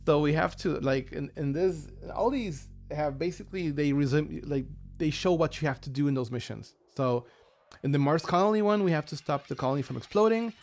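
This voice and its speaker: A man's voice: a little high, a little fast, darkish tone, faint music behind. A man hosting a let's play, giving casual, chatty gameplay commentary full of fillers. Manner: chatty, loose, lots of fillers.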